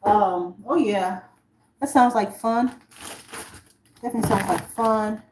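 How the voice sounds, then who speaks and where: A Nigerian woman who is an author hosts a casual livestream from her home kitchen, rambling and chatting with viewers while she cooks. Her voice is medium-pitched and measured in pace, and the roomy, distant recording is noisy with running tap water.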